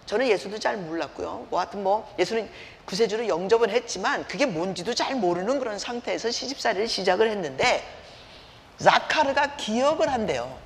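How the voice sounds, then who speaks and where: A woman's voice: mid-range voice, brisk, creaky. A middle-aged woman preacher giving a sermon woven with personal stories, acting out scenes as she tells them. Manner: animated storyteller, acts out scenes. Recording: reverberant hall, faint background noise.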